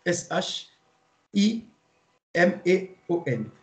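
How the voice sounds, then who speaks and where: Halting man teaching a bible class. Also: high-pitched, sing-song. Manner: halting, repeats words, spells names letter by letter. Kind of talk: informal Bible study lesson. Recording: roomy echo.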